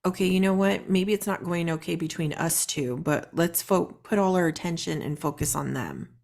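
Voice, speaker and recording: A woman's voice: on the low side, lively intonation, normal speed, gravelly, darkish tone. A woman guest on a casual podcast, talking earnestly and enthusiastically.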